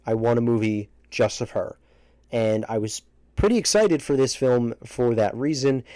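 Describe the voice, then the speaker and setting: A man's voice: medium pitch, dark tone, dry recording. A man doing casual, opinionated video commentary as a movie reviewer, talking emphatically and often interrupting himself, close to the microphone. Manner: halting, self-interrupting, emphatic. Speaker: movie reviewer ranking films. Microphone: close microphone, breaths hitting it.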